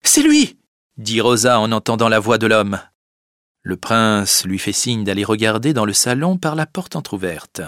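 A man narrating a storybook tale in a plain, steady way. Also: lowish voice, normal speed, dry recording, studio quality. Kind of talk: storybook reading.

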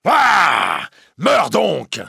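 A man's voice: lowish voice, very animated, a little slow, vocal fry, a bit bright, husky, dry recording, studio quality, full character voice. A man reading a story aloud, voicing a tormented, obsessive male priest who pleads and threatens with passion. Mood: furious shouting. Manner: passionate, pleading then menacing.

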